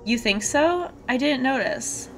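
A woman voicing a gentle, anxious, apologetic young woman from an anime game, reading her dialogue aloud. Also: high-pitched, animated, unhurried, pitched above the performer's own voice. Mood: puzzled. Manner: earnest, apologetic. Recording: game music behind the voice.

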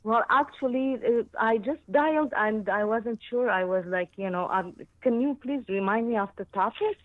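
This phone-in caller is a woman in her fifties from Lebanon, sharing her own account on a radio call-in while frequently groping for words. Her voice is a little high and moderately paced, free of echo but narrowed and tinny by the phone line.

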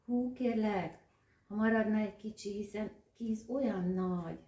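A woman's voice: mid-range voice, dark tone, pitched above the performer's own voice, close to an everyday voice. A woman voicing a meek, hungry crow that pleads humbly and politely. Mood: pleading. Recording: roomy echo, distant mic.

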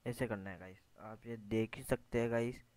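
Guy talking over his game footage, pretty monotone, chatty, lots of hiss behind him. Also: fairly low pitch, moderate pace, rough recording. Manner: chatty, says "guys" constantly, mutters at mistakes. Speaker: gaming YouTuber. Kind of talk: casual gameplay commentary. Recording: screen recording with steady noise.

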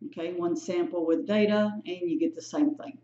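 A woman's voice: lowish voice, steady tone, normal speed, warm tone. A woman teaching a statistics lesson in a chatty, self-correcting way, often checking in with "right?" and "okay?". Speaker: statistics instructor. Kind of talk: recorded lecture walkthrough. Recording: echoey, dull lo-fi room sound.

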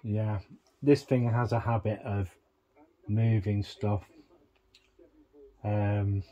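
Slow, halting man with a mellow voice. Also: on the low side, little pitch movement, dull audio. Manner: halting, rambling, thinks aloud. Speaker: vlogger. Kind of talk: casual tech walkthrough.

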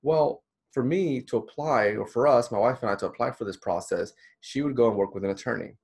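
A man's voice: mid-range voice, fairly quick, darkish tone, slightly rough. A man in his thirties, a counselor from the Dominican Republic, giving a casual, encouraging recorded lecture with many fillers. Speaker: counselor teaching a course. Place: small indoor room.

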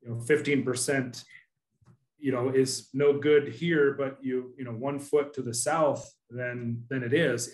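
Earnest man on a roomy video call. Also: medium pitch. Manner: earnest, many restarts and fillers. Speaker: panelist from an asphalt producer. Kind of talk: casual webinar discussion. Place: office.

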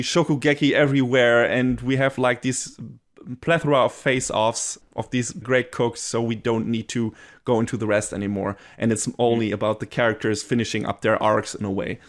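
A man co-hosting a casual podcast, reviewing a show with eager, rambling talk full of restarts and fillers. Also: mid-range voice. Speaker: podcast co-host reviewing anime.

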